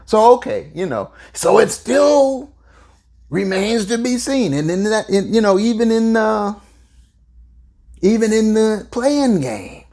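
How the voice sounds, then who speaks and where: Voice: medium pitch, big pitch swings, slow, gravelly, darkish tone. A basketball podcast host giving solo sports commentary, talking straight to listeners and drawing out words for emphasis.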